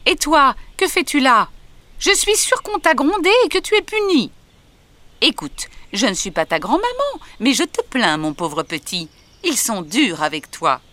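Nosy half-blind old woman, high falsetto, pitying tone, storybook voice, put on by a man. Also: wildly swooping pitch, a little slow, sharp tone, dry recording, full character voice.

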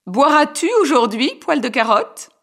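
A man's voice: very high-pitched, expressive, a little slow, vocal fry, bright, forceful tone, pitched above the performer's own voice, exaggerated voice. A man voicing a stern, cold mother who gives curt orders to her children. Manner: curt, bossy.

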